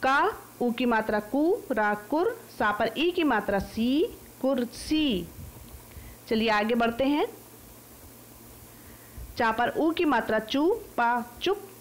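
An Indian woman teaching an online class for small children, sounding out words one syllable at a time in a slow phonics drill. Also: on the high side, expressive.

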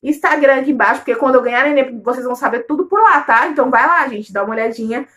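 Chatty high-voiced woman. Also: racing, fairly bright tone, a little hiss or hum. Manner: affectionate, chatty, addresses viewers as loves. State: late pregnancy. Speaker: vlogger. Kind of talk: casual chat.

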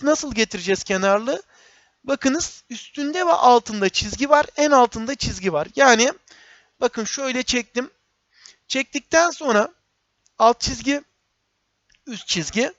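A man teaching a software tutorial step by step, often repeating phrases and speaking to viewers as friends. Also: very high-pitched, animated, measured pace, no echo. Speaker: instructor. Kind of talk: screen-recorded software tutorial. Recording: dull, dry lo-fi recording.

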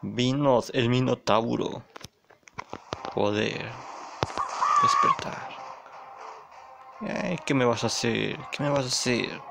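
Slow, gravelly man gaming. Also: mid-range voice, steady tone, heavy background noise. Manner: playful, boastful, reads game dialogue aloud. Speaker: gamer. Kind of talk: casual gameplay commentary. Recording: game music under the voice. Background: game music.

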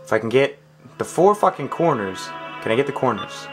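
A man doing let's play commentary with a very animated voice that jumps all over its range. He mutters to himself, swears freely and sounds fed up with a puzzle, over faint game music. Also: medium pitch, a little fast. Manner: frustrated, swearing, talking to himself. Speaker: gaming channel host.

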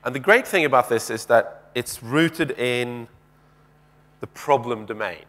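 A man's voice: medium pitch, unhurried, a bit bright. Man giving a conversational keynote on stage. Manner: conversational, questions the audience, frequent restarts; paces the stage with gestures. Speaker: keynote speaker. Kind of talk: conference keynote talk. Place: large conference stage. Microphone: headset mic.

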